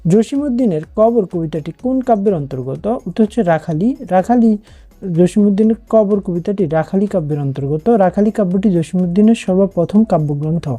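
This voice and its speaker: A woman's voice: medium pitch, mellow, slightly rough. A woman with a Bangladeshi Bengali accent, working through exam prep questions as a tutor, reading each question and then giving its answer. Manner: reads questions then gives answers, with some restarts.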